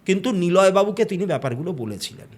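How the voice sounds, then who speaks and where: A man's voice: sits high, lively intonation, fast. A man telling a horror story in a casual, conversational way, with fillers and short bits of quoted dialogue.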